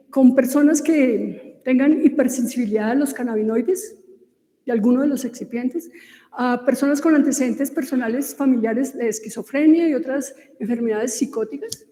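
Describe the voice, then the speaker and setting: A woman with a Colombian Spanish accent explains her subject in a loose, conversational lecture, often pausing on fillers and restarting phrases. Her voice sits high yet sounds mellow and soft-edged. The recording has an echoey room with a long reverb tail. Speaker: lecturer on cosmetic ingredients. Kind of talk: informal lecture.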